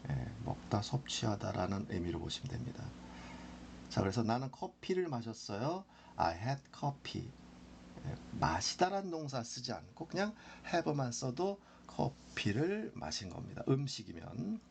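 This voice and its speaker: Slow, gravelly man teaching English. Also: mid-range voice, sing-song, slight background noise. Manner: repeats phrases slowly for drilling. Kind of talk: slow explanatory lesson.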